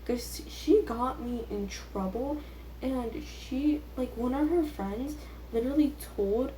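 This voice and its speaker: Her voice high-pitched, slow, and warm, a teenage girl vlogs casually, rambling with plenty of filler words and self-deprecating, youthful talk. The room sounds echoey, with faint noise in the background.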